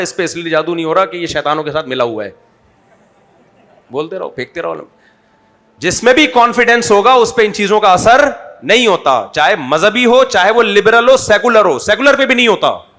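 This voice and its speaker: A man giving an informal religious talk with a hoarse voice, blunt and mocking, telling stories with animated swings between loud jabs and low asides. He speaks Urdu with a Pakistani accent. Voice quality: hoarse throat he calls swollen. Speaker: religious scholar.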